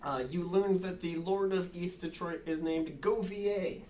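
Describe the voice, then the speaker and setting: Slow-talking man running a tabletop game. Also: high-pitched, a little mellow, a little hiss or hum. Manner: casual, laughing often, quick asides. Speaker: game master.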